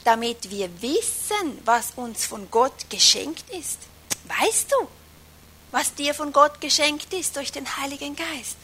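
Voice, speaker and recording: High, bright woman preaching with emphasis. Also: animated, a little hiss or hum. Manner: emphatic, varies loudness a lot, drops to a whisper at times; slows down to stress key phrases. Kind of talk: sermon.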